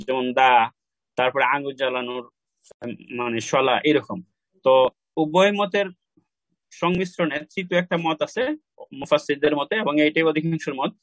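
Male recitation teacher, somewhat high voice, patient and repetitive, dry close sound. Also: dry recording, poor audio. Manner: patient, repeats pronunciations slowly for learners. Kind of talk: online class instruction.

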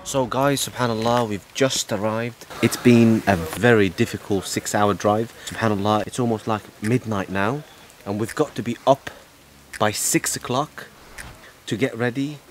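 A man's voice: on the low side, normal speed. A man with a mid-range voice gives a weary, matter-of-fact update to the camera. Faint background noise sits behind him. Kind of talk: casual vlog talk.

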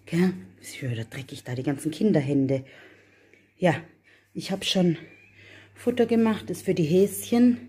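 A woman's voice: lowish voice, moderate pace, long pauses, dark tone, breathy edge. A woman vlogging casually while feeding her cats and other animals, calling to them in a sing-song voice. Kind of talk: casual vlog talk to animals and viewers.

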